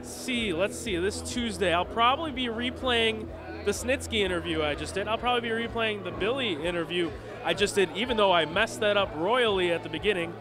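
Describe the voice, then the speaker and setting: A man's voice: high-pitched, a little fast, music in the background. A man chatting casually as the interviewer for a wrestling show. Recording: outdoor urban crowd and traffic noise.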